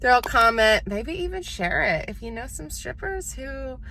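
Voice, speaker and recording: A woman's voice: high voice, very animated, moderate pace, sharp tone, slight background noise, poor audio. A young woman with a Southern US accent, chatting casually to camera in a vlog and laughing often. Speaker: vlogger.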